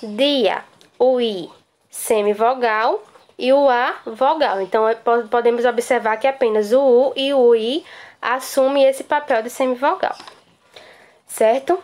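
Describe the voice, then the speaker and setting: A woman's voice: a little high, unhurried, darkish tone. A middle-aged woman explaining a grammar lesson to school pupils, patient and methodical, repeating key points and checking understanding. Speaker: teacher. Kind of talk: recorded classroom lesson.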